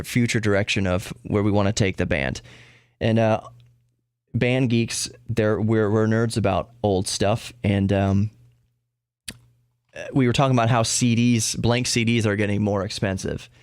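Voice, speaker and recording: Captured in clean studio sound with no room tone, a man with a fairly low, clean-toned voice hosts a podcast by himself. He discusses tech and geek news casually, meandering, cutting himself off and repeating words for emphasis.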